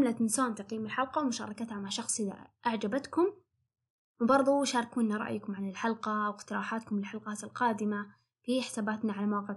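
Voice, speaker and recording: Fast, husky woman host. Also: on the high side. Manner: reflective, advice-giving, frequent restarts. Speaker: podcast host. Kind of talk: solo advice podcast talk.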